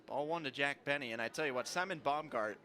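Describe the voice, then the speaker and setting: A sports announcer calls live play-by-play of a baseball game from the ballpark, his mid-range voice quick. The broadcast carries noisy outdoor stadium ambience and crowd noise.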